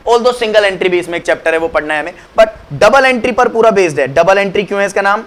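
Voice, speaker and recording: Speaking fast in a high, expressive, slightly bright voice, this accounts teacher keeps his classroom lecture chatty, asking questions and then answering them himself. He slips English phrases into Hindi and fondly addresses students as "beta."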